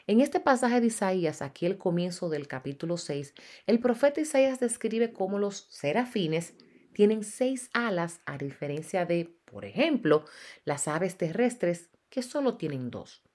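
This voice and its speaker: A woman's voice: medium pitch, sing-song, measured pace, darkish tone. A woman giving a translated sermon as a voice-over, with an emphatic, preacherly delivery.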